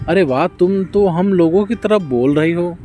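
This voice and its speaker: A simple, good-hearted young farmer, as a male storyteller puts him on, with a raised, coaxing voice. He speaks gently and with wonder, his tone mellow and warm, like a character in a read-aloud storybook. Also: a little high, lively intonation, normal speed, faint music behind, lightly acted. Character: simple hardworking young farmer Bhola, kindly.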